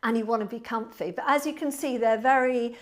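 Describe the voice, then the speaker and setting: A woman with a southern English accent chatting casually to viewers as a Pilates instructor, in a warm, friendly, chatty manner. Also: on the high side, steady tone, brisk. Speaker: Pilates instructor and online class host. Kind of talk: casual livestream chat to viewers. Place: indoor studio.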